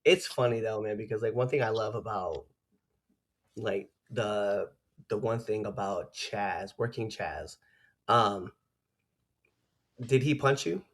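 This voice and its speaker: A man chatting casually as an interview host and fellow wrestler, telling stories in an animated, slangy way and laughing often. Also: lowish voice, takes it slowly, long pauses. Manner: animated storytelling with slangy asides; laughs often while talking.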